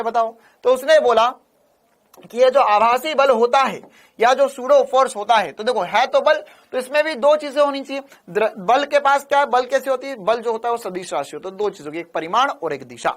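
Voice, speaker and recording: A man with a very high voice gives a physics lecture. He turns the lesson into playful stories. He keeps repeating terms and asking the class to say them back. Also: fairly bright tone. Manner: repeats key terms and quizzes listeners; playful storytelling. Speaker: physics teacher.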